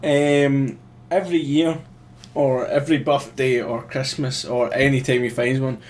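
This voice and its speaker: A man's voice: medium pitch, fairly even intonation, measured pace, darkish tone. A young man co-hosting a podcast, joking around in casual chat and swearing freely. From Scotland. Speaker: podcast co-host.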